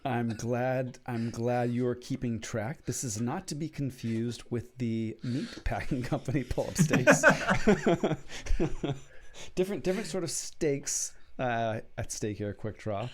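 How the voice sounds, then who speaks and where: A man's voice: medium pitch, unhurried, darkish tone, a little hiss or hum. A man hosting a live-streamed podcast, jokey and rambling, with many restarts. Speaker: podcast host. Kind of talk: casual live-stream chat, reading a mock sponsor ad.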